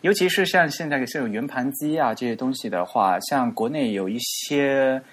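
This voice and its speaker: Husky man chatting unhurriedly. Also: medium pitch. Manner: unhurried, with many fillers. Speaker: podcast co-host. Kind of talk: casual chat.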